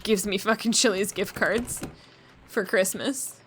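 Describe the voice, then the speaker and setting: Young woman streamer riffing on a game, bright voice, jokey n giggly. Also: medium pitch, steady tone, unhurried, a little hiss or hum. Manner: joking, giggly, swears casually. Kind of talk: casual gameplay commentary.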